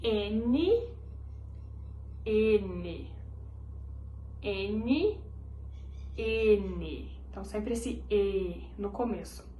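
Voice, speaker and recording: A woman's voice: medium pitch, animated, takes it slowly, dark tone, slight background noise. A woman teaching a language lesson, patiently repeating each letter so students can copy it. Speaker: Spanish teacher. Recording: roomy echoey recording.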